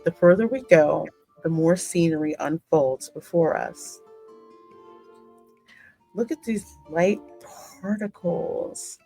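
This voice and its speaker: With a lowish, dark-toned voice, a gaming channel host slowly reads a story game's narration and reacts aloud between lines. Music plays behind her.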